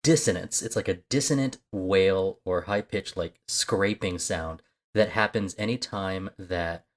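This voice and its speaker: A podcast co-host with a low voice and measured pace chats casually about movies. He rambles through asides, full of fillers and restarts.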